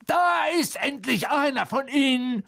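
A reader doing an excitable teenage boy. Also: high-pitched, takes it slowly, pitched above the performer's own voice, heavily acted. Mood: excited. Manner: excitable and blunt. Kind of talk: audiobook reading.

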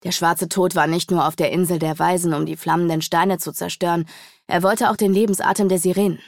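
A woman reading a fantasy audiobook as narrator with even storytelling. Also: lowish voice, brisk, creaky, no echo, clean studio sound. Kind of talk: scripted narration.

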